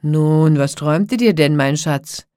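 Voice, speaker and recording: A woman voicing a loud, gruff, possessive male giant in a spoken fairy tale. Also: sits low, slow, no echo, clean studio sound. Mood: boastful.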